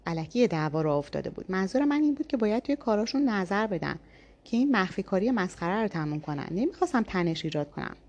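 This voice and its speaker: A woman narrating a first-person audiobook story in a calm, even reading voice. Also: medium pitch, muffled recording.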